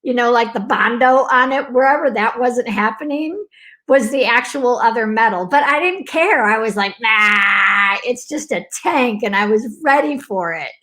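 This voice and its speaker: A middle-aged woman telling a personal story in a casual way, animated and full of likes, acting out alarms and laughing often. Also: on the high side, moderate pace. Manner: talks in loose fragments with many likes. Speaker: host.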